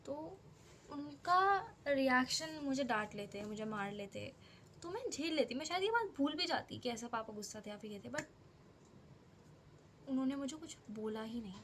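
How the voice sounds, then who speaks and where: A woman's voice: high-pitched, lively intonation, normal speed, a bit bright, slight background noise. A young woman vlogger telling a personal story in a candid, confessional and emotional way. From India. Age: young adult.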